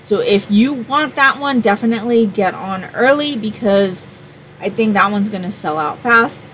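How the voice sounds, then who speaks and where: A woman in her forties chats to camera about her week, rambling and thinking aloud with plenty of fillers. Her voice sits at a middle pitch for a woman. A faint hiss of noise sits under the recording. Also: expressive, normal speed, fairly bright tone, poor audio. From Hawaii. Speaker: home fragrance vlogger. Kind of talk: casual chat to camera. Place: small room at home, indoors.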